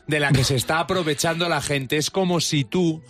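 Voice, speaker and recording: A young man from co-hosting a podcast, chatting casually and joking in quick banter. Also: fairly high pitch, faint music behind. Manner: jokey, quick banter with laughs. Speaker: podcast co-host. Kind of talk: casual comedic chat.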